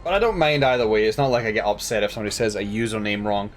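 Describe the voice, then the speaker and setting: A man's voice: fairly low pitch, rapid-fire, soft background music. Tired, rambling male streamer. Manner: rambling, laughing, self-deprecating. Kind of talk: casual game stream chat.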